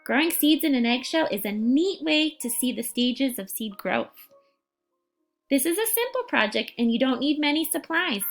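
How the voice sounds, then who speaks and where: Reading a picture book to small children, a woman speaks in a high, animated voice, offering gentle instructions with careful, deliberate phrasing. Soft music plays in the background.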